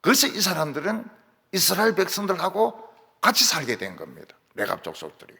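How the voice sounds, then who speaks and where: A male pastor with a Gyeongsang accent delivers a sermon from the pulpit. His voice is husky and gravelly and sits a bit high, and his pitch leaps around as he acts out the voices in his stories. A long reverb from the church hall trails every phrase. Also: a little fast. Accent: Gyeongsang Korean. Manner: animated storytelling, acting out quoted voices. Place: church sanctuary.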